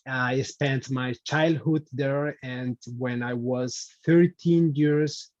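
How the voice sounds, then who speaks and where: A man's voice: mid-range voice, steady tone, takes it slowly, a little mellow, dry recording, lo-fi sound. A man from Spain, a guest on an interview show, speaking casually with many restarts and fillers. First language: Spanish. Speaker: podcast guest.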